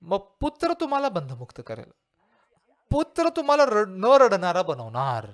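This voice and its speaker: A man's voice: high voice, huge pitch swings, moderate pace. A male pastor preaching a sermon and asking his listeners rhetorical questions.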